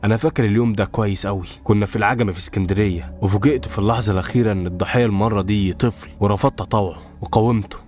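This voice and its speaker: Man, Egyptian Arabic accent, dramatic horror narration, rapid pace, low voice. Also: a little mellow. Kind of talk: scripted first-person horror narration. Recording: voice over background music.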